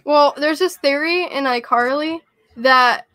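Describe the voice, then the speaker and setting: A young woman co-hosting a casual pop-culture podcast, excitable and giggly as she trades fan theories. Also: high-pitched, a little slow. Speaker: podcast co-host. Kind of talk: casual chat.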